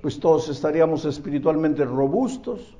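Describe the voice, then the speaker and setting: High-voiced, animated male preacher. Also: normal speed, muffled recording. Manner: animated storytelling preacher, rhetorical questions. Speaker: pastor. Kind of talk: sermon.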